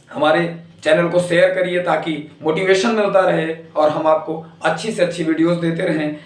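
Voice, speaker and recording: A man teaching English pronunciation in Hindi, spelling words out slowly letter by letter. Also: high-pitched, echoey room, distant mic. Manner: slow, deliberate letter-by-letter explanation.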